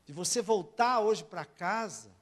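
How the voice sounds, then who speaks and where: A high-pitched man preaches slowly and deliberately, as a pastor giving a sermon in church. He drops to near-whispers, then climbs loud again, and keeps calling on his listeners to say amen. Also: animated. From Brazil. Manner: keeps asking the congregation for amens, swings between soft and loud.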